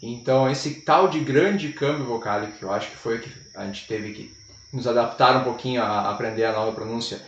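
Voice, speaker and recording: A man's voice: medium pitch, a little fast, fairly bright tone, echoey room, distant mic, dull audio, a little hiss or hum. A man from Brazil, an English teacher chatting on a podcast and rambling with many restarts. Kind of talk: casual classroom-style chat.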